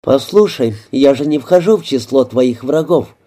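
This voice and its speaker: A man's voice: mid-range voice, expressive, moderate pace, mellow, lightly acted. Leona, a man voicing an anxious woman. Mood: coaxing. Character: worried, sharp-tongued woman with accent.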